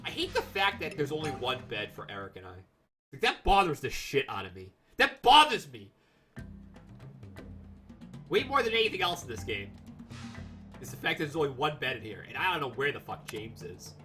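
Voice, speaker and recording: Excitable, profane game streamer man. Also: mid-range voice, fairly quick, faint music behind. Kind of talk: let's play commentary.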